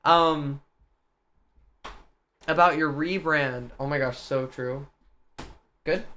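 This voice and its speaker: A young content creator from the American Midwest speaks casually as a guest on a livestream. The delivery is playful and joking, with frequent asides to the chat. The pitch sits in a middle range. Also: takes it slowly, sharp tone.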